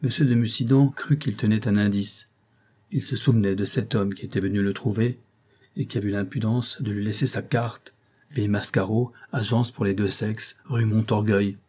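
A male narrator reads a classic novel at a steady, measured pace. His voice is dark and mellow with a husky grain. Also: on the low side. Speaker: audiobook narrator. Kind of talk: scripted narration.

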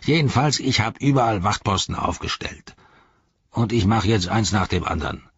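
Man voicing a bossy orc captain, barky and raspy, lots of orders, muffled lo-fi sound. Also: on the low side, animated, normal speed, dry recording, full character voice. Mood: barking. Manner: barking, commanding tone.

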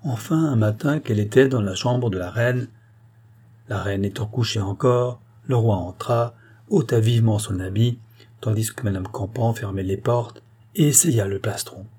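A man narrating a classic novel as an audiobook in a measured, steady storytelling manner. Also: lowish voice, slightly rough.

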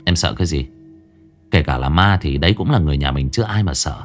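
A man doing a hushed, stubborn husband. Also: expressive, normal speed, slightly rough, soft background music, heavily acted. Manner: low hushed voice. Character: nervous but stubborn young husband.

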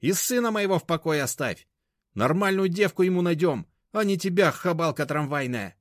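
A man voicing a feisty, sharp-tongued older grandmother who scolds scornfully and bossily. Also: sits high, very animated, fairly quick, no room sound, clean studio sound, voice pushed up. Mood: scolding.

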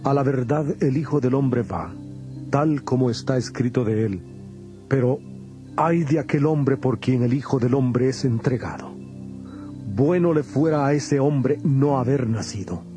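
A man playing Jesus in a dramatized scripture recording, a solemn and authoritative teacher with measured delivery. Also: medium pitch, over music, natural voice. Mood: grave. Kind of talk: dramatized scripture audio acting.

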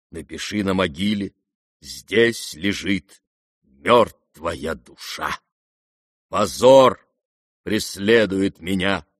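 A man's voice: low-pitched, dry recording, studio quality, voice pushed down, heavily acted. A man voicing an old disgraced general in an audiobook, rambling and sentimental, given to theatrical outbursts. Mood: maudlin. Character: old drunken disgraced male general, maudlin and boastful. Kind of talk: audiobook character reading.

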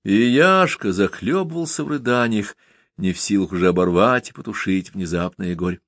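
A man narrating a novel aloud in an expressive, dramatic reading style. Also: fairly low pitch, moderate pace, dry recording, studio quality. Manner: dramatic, animated storytelling. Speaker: audiobook reader.

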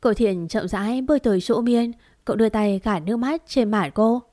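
A woman narrating a romance story in a calm, even storytelling manner. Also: on the high side, a little fast, no echo, studio quality.

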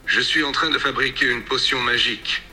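A synthetic male voice voicing a bewildered male farmer who guards his secrets, in calm, evenly read lines. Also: medium pitch, a little fast, faint music behind, pitched above the performer's own voice. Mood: puzzled.

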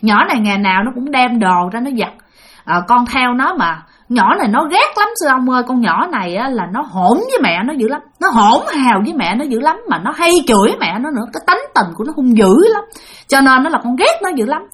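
A woman's voice: a little high, sing-song, fairly quick, a bit bright, slightly rough, exaggerated voice. A woman putting on the pleading ghost of a drowned young man. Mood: resentful. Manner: humble, complaining, asks a monk for help.

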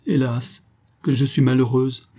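A man's voice: medium pitch, moderate pace, dark tone, slightly rough, close to an everyday voice. A man reading the part of a tearful young noblewoman, pleading and distressed, in an audiobook. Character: young woman, tearful noblewoman torn by love.

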